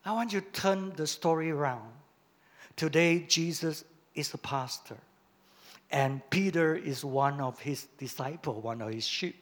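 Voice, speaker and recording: A male pastor preaching a sermon, swinging from loud emphatic lines to quiet, low asides. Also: measured pace.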